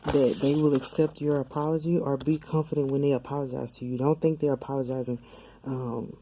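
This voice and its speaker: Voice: medium pitch, little pitch movement, fairly quick, dark tone, slight background noise, poor audio. A tarot reader speaking straight to the camera in a loose, colloquial, rambling way, full of fillers, who acts out quoted voices. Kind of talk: casual tarot reading to camera. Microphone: camera mic.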